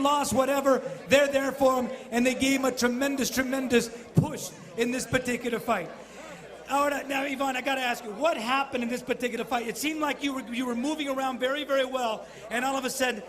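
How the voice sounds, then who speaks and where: A man's voice: very high-pitched, fairly even intonation, fast talker. A man doing a bilingual post-fight interview and interpreting, speaking emphatically and effusively. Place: in the ring at an arena. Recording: loud arena crowd behind.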